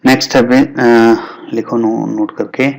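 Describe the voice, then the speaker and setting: A man's voice: mid-range voice, flat delivery, unhurried, vocal fry. Male chemistry teacher, mix. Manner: repeats key terms, asks and answers his own questions. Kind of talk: explaining at a whiteboard.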